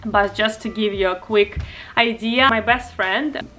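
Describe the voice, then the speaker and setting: Bright-voiced young Russian-accented woman. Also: medium pitch, measured pace, faint music behind. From Far East Russia. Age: 20s. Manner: chatty, frequent "um" and "like", light laughs. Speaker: vlogger. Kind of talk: casual Q&A to camera. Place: bedroom, indoors. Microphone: camera at close range.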